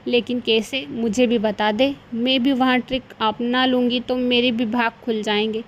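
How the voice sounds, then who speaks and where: A woman's voice: fairly high pitch, steady tone, normal speed, lo-fi sound, a little hiss or hum, natural voice. A woman voicing a complaining older neighbour woman in a cartoon story, grumbling about her lot.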